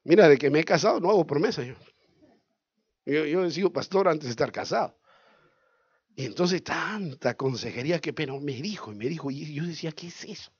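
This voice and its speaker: A male pastor, preaching a sermon in an animated way, asking questions and acting out scenes. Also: a little high, a little fast, slightly rough, no room sound, lo-fi sound. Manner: animated, asks the congregation questions, acts out scenes.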